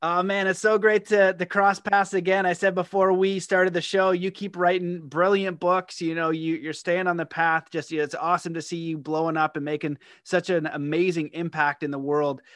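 Earnest male podcast host, fairly high voice. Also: flat delivery, normal speed, hardly any pauses, a bit bright, no echo, studio quality. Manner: earnest, promotional, with many fillers. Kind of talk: podcast intro and interview.

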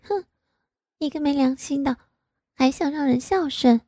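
A woman's voice: high-pitched, unhurried, warm tone, no room sound, clean studio sound, pitched above the performer's own voice. A woman voicing a coy, pouty young married woman in an audio story, speaking in a raised, wheedling voice.

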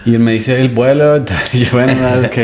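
A man recounts a story in loose, slang-filled podcast talk. The voice sits at an ordinary middle pitch. A roomy studio echo and a faint hiss hang around it. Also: quick pace. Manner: storytelling, slangy, animated retelling. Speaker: guest comedian. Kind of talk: casual podcast chat.

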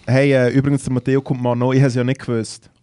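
A young Swiss man with a Swiss German accent, a comedian co-hosting a podcast, who tells stories in a relaxed way and adds dry remarks. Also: mid-range voice, quick pace, smooth, no echo. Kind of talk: casual chat.

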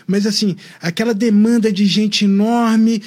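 A man, a doctor telling stories in casual podcast chat, animated and always tossing in "velho". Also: sits high, measured pace. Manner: animated storyteller, keeps saying "velho".

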